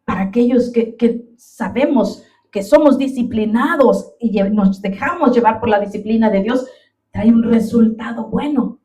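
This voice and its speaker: Her voice is a little high and dark in tone, moving at a normal speed and picked up far from the mic in a reverberant church sanctuary. She preaches a fervent sermon, frequently calling out to her brothers and sisters in the congregation.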